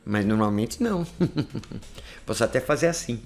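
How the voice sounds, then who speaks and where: A man teaching an online class, speaking close to the mic in a playful, lively way that often drops to a soft, intimate voice. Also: mid-range voice, normal speed, soft background music. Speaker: English teacher. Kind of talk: online lesson talk. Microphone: close to the microphone.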